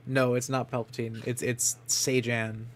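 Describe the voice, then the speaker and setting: A man's voice: mid-range voice, little pitch movement, a little slow. A man chatting casually as he streams a game. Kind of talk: casual chat while playing a game. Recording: clear background noise.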